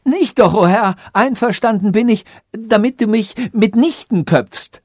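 A man voicing a frightened old male sage who begs a cruel king for his life, high and pleading, in an audiobook reading. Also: wildly swooping pitch, unhurried, darkish tone, no echo, studio quality, exaggerated voice. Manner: high-pitched, pleading, rising in alarm.

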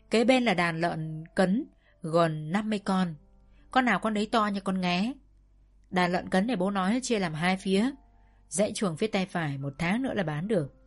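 A woman reading a first-person story in an even storytelling manner. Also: on the low side.

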